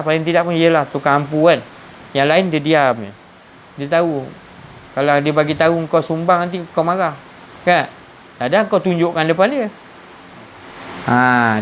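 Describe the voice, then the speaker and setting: A man's voice: on the high side, a little hiss or hum. Malaysian man teaching a Sufi talk. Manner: conversational, rhetorical questions, many restarts. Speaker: religious teacher.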